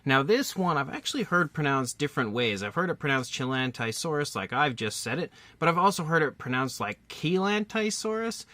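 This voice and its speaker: A man's voice: medium pitch, animated, fairly quick, hardly any pauses, bright, forceful tone, no echo. A man hosting his own toy review channel, talking in an upbeat, chatty and detailed way with casual fillers.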